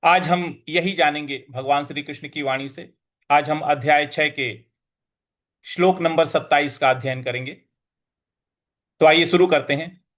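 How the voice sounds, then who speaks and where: A man teaching Sanskrit pronunciation of a Gita verse, explaining each sound step by step and then chanting the lines slowly. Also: on the high side, fairly even intonation, a bit bright. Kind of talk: Sanskrit pronunciation lesson with slow chanted recitation.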